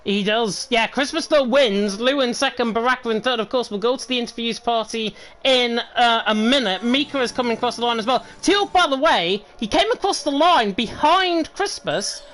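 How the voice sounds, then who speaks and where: A woman's voice: a little high, normal speed, fairly bright tone, rough recording. Upbeat woman calling a sim race. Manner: upbeat, chatty, rattles off results. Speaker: race commentator. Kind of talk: live esports race commentary.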